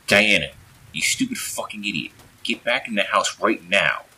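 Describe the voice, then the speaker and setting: A man voicing an angry, frantic husband who shouts sternly. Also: fairly low pitch, moderate pace, slight background noise, voice pushed up.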